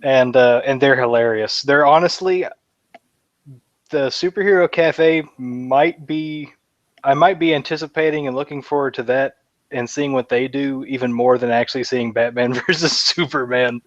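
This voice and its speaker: This man's mid-range voice moves at a moderate pace as he co-hosts a podcast, gushing like a fan and rambling with plenty of fillers. There's no room sound, and the audio is lo-fi.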